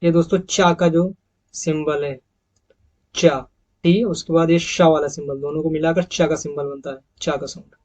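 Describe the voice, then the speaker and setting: A man teaching English pronunciation over slides, repeating each example word slowly and calling his viewers friends. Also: on the high side, flat delivery, a little mellow, low-quality recording. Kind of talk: slide-based pronunciation lesson.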